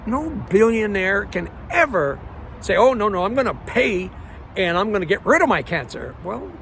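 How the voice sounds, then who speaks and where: A man from Croatia, giving an earnest, encouraging motivational talk as a life coach, often repeating words and slowing down for emphasis. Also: sits high, big pitch swings, vocal fry, a bit bright, soft background music. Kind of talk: motivational monologue.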